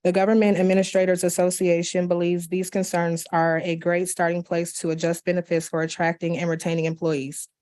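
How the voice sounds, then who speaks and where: At a county commission meeting, a woman with a fairly low-pitched voice reads public comment letters aloud. Her delivery is steady and measured, with small slips and restarts.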